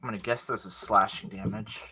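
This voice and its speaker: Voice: low voice, steady tone, fairly quick, bright, forceful tone, a little hiss or hum. A player in an online tabletop game, joking dryly. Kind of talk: casual play over a video call.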